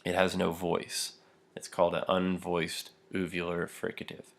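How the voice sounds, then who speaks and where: This language teacher is a young adult man whose low-pitched voice has vocal fry and a completely flat delivery at a moderate pace. Walking through a pronunciation lesson step by step, he demonstrates throat sounds, dropping in plenty of fillers and little laughs.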